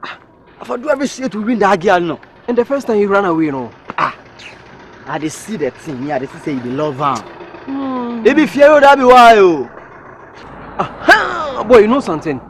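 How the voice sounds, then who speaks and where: A man's voice: sits high, moderate pace, long pauses, slight background noise. A young actor with a Ghanaian Pidgin accent playing a man plotting with a friend to win a girl. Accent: Ghanaian Pidgin English. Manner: excited banter in Ghanaian Pidgin. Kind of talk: Ghanaian movie acting. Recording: film audio with music behind.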